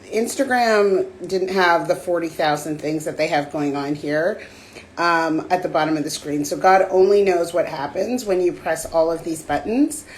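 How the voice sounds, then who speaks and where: A woman hosting a casual livestream chat, her raspy voice slightly hoarse from a cold, talking in a relaxed, chatty way with frequent fillers into a phone. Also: on the low side, moderate pace. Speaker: host. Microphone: phone on a live stream.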